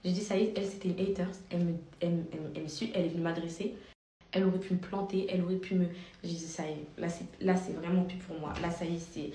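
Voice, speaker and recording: A woman's voice: on the low side, fairly even intonation, quick pace, mellow, a little hiss or hum. A woman influencer telling her followers a story in a slangy, chatty vlog, piling on filler tags. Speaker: social media influencer. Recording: roomy echo.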